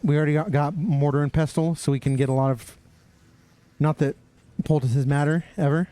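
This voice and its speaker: A man's voice: fairly high pitch, fairly even intonation, brisk, dark tone. A young man giving casual, sarcastic commentary while playing a game. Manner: sarcastic, mocking, talks to himself. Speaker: streamer.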